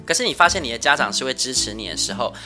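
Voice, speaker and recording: A male podcast host with a soft, thin voice, chatting casually and laughing often with light self-mockery. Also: medium pitch, expressive, very fast, over music. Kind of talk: casual family chat.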